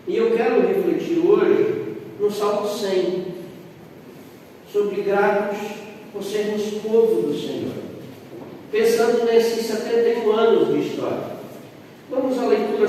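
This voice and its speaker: A man preaching a slow sermon in church, rising in pitch when reading scripture aloud. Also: dark tone, slight background noise. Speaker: pastor. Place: church hall. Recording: roomy church hall, distant mic.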